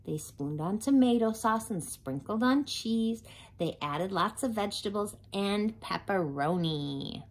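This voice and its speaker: A woman reading a picture book aloud to children in an expressive storytelling style. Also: mid-range voice, unhurried. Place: small home playroom, indoors.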